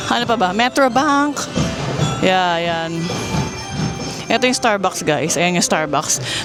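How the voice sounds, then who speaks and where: A woman's voice: a little high, rough recording. A Filipino woman chatting casually to her viewers as she walks through a busy outdoor mall, recorded on a handheld phone. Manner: chatty, keeps addressing viewers as guys; raises her voice to be heard over the crowd. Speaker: vlogger giving a mall tour. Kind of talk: casual walking vlog.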